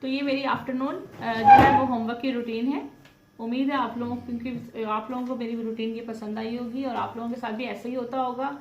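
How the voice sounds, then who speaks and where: A woman's voice: fairly high pitch, lo-fi sound. A chatty mother, talking casually to viewers in a vlog and mixing in English words. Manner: chatty, mixes Urdu and English. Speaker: mother and vlogger. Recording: echoey room, faint background noise.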